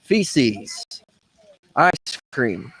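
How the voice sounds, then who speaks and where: Man, 30s, mock-official presenter recorded outdoors, lively pitch. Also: very slow, slightly rough, dry recording, poor audio. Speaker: presenter of a comic public notice video.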